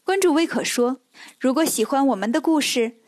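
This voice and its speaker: A woman narrates a classic tale with lively, expressive storytelling. Her voice sits high and bright in pitch, shifting easily between narration and the story's figures. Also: moderate pace. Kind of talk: spoken storytelling.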